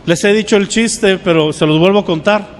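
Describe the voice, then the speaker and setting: Male pastor, sermon delivery, bright high register, reverberant hall with faint hiss. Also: brisk. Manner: preaching with call-and-response asides.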